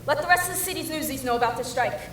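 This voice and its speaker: A woman's voice: high voice, very fast, fairly bright tone, slight background noise. A young woman on a school stage playing an earnest, articulate teenage newsboy. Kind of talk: school stage musical acting. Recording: echoey hall from far off.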